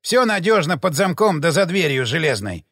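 A surly bearded old innkeeper, as a male narrator puts him on, growling and cursing in loud, gruff bursts. The reading sounds dry and close. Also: fairly high pitch, big pitch swings, moderate pace, dry recording, full character voice. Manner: gruff, snapping and swearing.

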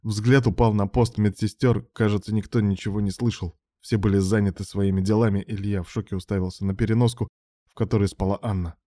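A man narrating a romance audiobook in an even, measured reading. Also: on the low side, no room sound, studio quality.

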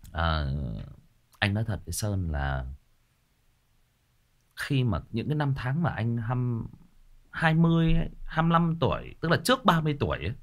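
A man's voice: mid-range voice, vocal fry. A man, giving a listener earnest, repetitive advice in a casual livestream talk. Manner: earnest and repetitive, often pausing on a drawn-out "đó".

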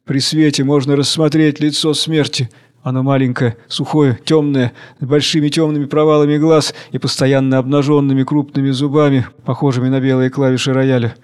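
A man reading the stage directions of a play in a measured, even way. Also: mid-range voice, clear, resonant tone. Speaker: reader.

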